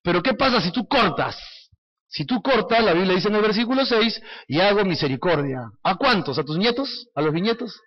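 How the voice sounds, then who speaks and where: A man leading a Bible study as a pastor, talking with his listeners in a lively, conversational way and answering his own questions. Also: sits high, fairly quick, dull audio. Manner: asks the audience questions and answers them.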